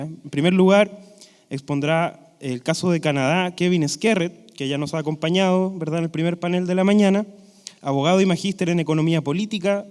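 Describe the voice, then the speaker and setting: A man's voice: on the high side, darkish tone. A man with a Chilean accent moderating a conference panel, introducing speakers and often adding short tag questions. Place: large echoing conference room. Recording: reverberant conference hall.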